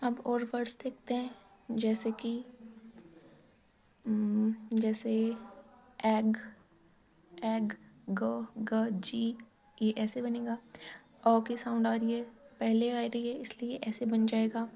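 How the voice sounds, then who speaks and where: A woman's voice: a little high, monotone, measured pace, gravelly, long pauses, warm tone. A woman teaching shorthand in a casual step-by-step lesson, asking and answering her own questions as she writes.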